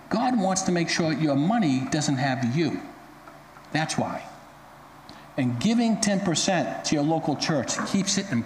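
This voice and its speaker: A man's voice: sits high, roomy sound, in a large hall, a little hiss or hum, poor audio. A male pastor preaching a sermon, telling stories dramatically and acting out the quotes. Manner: dramatic storytelling with acted quotes.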